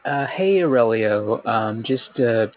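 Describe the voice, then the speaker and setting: A man leaving a halting, awkward voicemail to a camping buddy, full of ums, over tinny call audio. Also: medium pitch, expressive, no room sound. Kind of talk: improv comedy voicemail.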